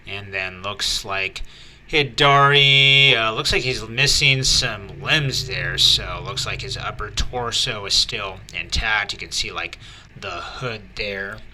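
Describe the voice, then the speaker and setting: Male manga commentator with a bright, forceful tone; slow, chatty page-by-page read-through. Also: fairly low pitch, slight background noise. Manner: chatty, with many fillers and excited asides. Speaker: manga reviewer and channel host.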